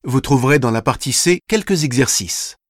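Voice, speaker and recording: A man slowly reading a scripted language course, with careful, deliberate articulation. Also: medium pitch, animated, no echo, clean studio sound. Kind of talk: scripted instructional narration.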